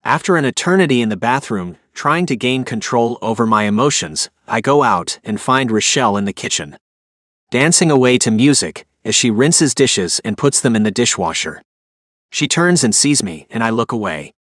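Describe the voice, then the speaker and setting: A man's voice: mid-range voice, lively intonation, moderate pace, fairly bright tone, no echo, studio quality. Man narrating a romance audiobook. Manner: emotive, inner-monologue delivery. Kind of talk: first-person romance narration.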